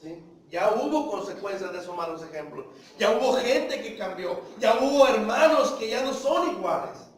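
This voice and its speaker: Speaking at a moderate pace with hardly any pauses, this high-voiced, expressive man delivers a sermon, calling the audience brothers and voicing little dialogues alongside rhetorical questions. He's recorded from far off in a reverberant church hall, with a bit of hiss or hum.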